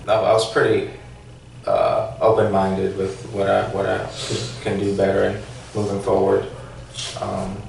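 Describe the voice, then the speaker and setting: A man's voice: low-pitched, completely flat delivery, unhurried, creaky, a little mellow. A man, a former police officer, answering questions at a formal hearing, hesitant, with many fillers and restarts. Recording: echoey room, distant mic, faint noise.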